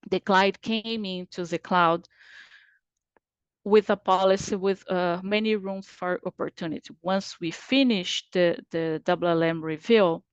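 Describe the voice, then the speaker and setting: A Brazilian woman whose first language is Portuguese gives a technical conference presentation over a video call, explaining carefully and often saying "uh." Her lowish voice is smooth, with no echo, and the sound is lo-fi.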